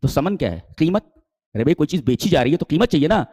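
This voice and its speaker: Man, preacher; lively sweeping delivery, rhetorical questions, dry close sound. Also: no room sound. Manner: animated, rising to high emphatic peaks then dropping low, rhetorical questions. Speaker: Islamic preacher. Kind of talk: Urdu sermon with Quranic exegesis.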